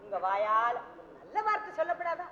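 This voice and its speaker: Fussy proud mum, lively exclaiming, echoey hall, lo-fi. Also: female voice, on the high side, normal speed. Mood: gushing. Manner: exclaims repeatedly, sing-song gushing. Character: doting fussy mother gushing over her son. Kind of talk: 1970s stage play. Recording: roomy hall, dull lo-fi old stage recording.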